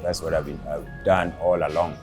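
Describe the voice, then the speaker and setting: A man in his fifties, raised in Kenya, answering interview questions about his son in a slow, halting way with many pauses and fillers. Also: rumbling low, little pitch movement, over music. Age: 50s. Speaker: interviewee, father of the late comedian.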